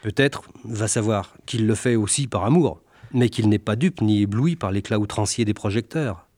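A man's voice: on the low side, moderate pace, darkish tone, no echo, clean studio sound. A man delivering a scripted satirical monologue in a literary, mock-lyrical and sardonic manner. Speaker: humorist delivering a satirical chronicle.

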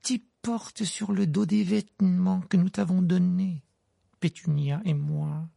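Storybook uncle, heavyset, blustering and easily outraged, put on by a male reader, drawn-out indignant lines, raised and gravelly. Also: sits high, steady tone, mellow, dry recording, clean studio sound, pitched above the performer's own voice, heavily acted. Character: blustering irritable middle-aged uncle, heavyset man.

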